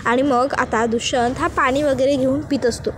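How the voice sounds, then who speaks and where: A woman with a high, bright voice casually recounts a serial episode in storyteller fashion, switching into the characters' lines as she goes. Faint noise hums beneath the recording. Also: fairly even intonation, normal speed. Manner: storytelling narration, quoting each character's lines. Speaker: narrator.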